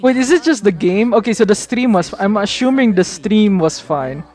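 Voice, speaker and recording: A man streaming a game, chatting casually and excitably, swearing freely as he talks to his viewers. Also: high-pitched, moderate pace, faint music behind. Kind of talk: casual live-stream chat.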